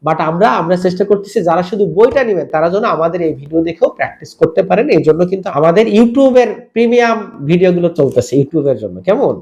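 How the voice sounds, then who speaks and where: A man teaching Quran recitation rules, spelling out each letter and vowel mark and then drawing the words out slowly in a chanted style, asking the listener to repeat. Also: high voice, animated, a little mellow. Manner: asks the listener to repeat after him. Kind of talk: step-by-step tajweed lesson.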